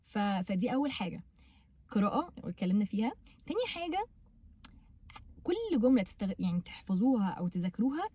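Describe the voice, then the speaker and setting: A woman's voice: on the high side, dark tone, dry recording. A young Egyptian woman with an Egyptian accent giving casual study tips to camera, chatty, repeating words to model pronunciation. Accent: Egyptian Arabic. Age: young adult. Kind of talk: casual tutorial chat to camera.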